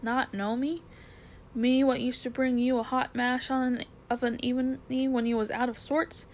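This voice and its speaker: A woman's voice: sits high, little pitch movement, moderate pace, a little mellow. Cockney cabby, blunt and earthy, drops his h's, woman doing the voice. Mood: earnest. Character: gruff working-class London cabman, plain-spoken.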